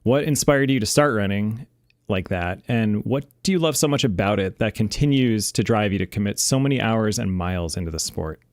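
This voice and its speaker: A man's voice: lowish voice, lively intonation, brisk, a little mellow, no room sound, studio quality. A man in his forties co-hosting a casual podcast, chatty and laughing often while he tells stories. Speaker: co-host.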